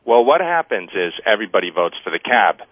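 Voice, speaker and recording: A man's voice: fairly low pitch, big pitch swings, a little fast, no room sound. A man with a standard American accent giving casual, anecdotal answers as an interview guest, explaining things step by step. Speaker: guest winemaker. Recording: thin phone-like radio line.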